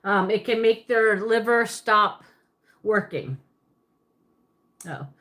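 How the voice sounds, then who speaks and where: A woman from Pennsylvania, whose Pennsylvania Dutch accent carries a Southern twist, hosts a livestream and answers viewers in a casual, rambling way. Her medium-pitched voice is expressive and slow with a sharp edge. She chats on, laughs often, and corrects herself as she goes.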